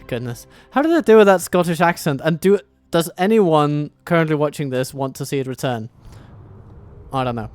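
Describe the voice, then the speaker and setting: Homme bavard commentant sa partie. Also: male voice, on the high side, animated, moderate pace, darkish tone, dry recording, faint music behind. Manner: chatty, self-deprecating, thinks aloud. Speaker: host and strategy game player. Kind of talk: casual gameplay commentary.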